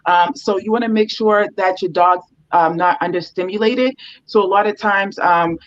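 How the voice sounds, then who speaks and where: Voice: medium pitch, moderate pace, a bit bright. Chatty dog trainer on a dull recording. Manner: loose, with many "um"s and "you know"s. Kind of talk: casual explanatory interview talk. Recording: dull, slightly lo-fi sound.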